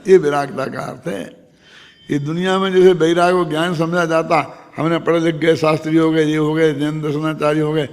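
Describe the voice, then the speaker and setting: A man's voice: on the high side, in a large hall. An older man giving a conversational religious discourse on scripture, often checking whether his listeners follow. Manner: conversational, asks listeners "समझे ना?".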